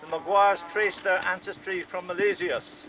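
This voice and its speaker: An older man gives a formal ceremonial speech outdoors in measured, declamatory short phrases. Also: high voice, fairly even intonation. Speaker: clan chief at his inauguration. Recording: very noisy outdoor amateur recording.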